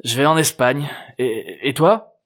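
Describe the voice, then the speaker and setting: An awkward middle-aged man, voiced by a male narrator in an audiobook, stammering and hesitant. He speaks a little higher and louder than the narration. Plainly his own voice. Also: lively intonation, slow pace, husky, full character voice. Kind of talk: audiobook character voice.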